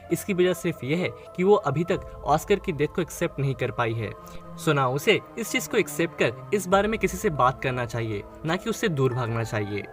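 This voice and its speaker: A man narrates a scripted recap of a movie in a voice a little higher than most men's, moving steadily from one scene to the next. He mixes English phrases into his sentences while soft music plays faintly in the background.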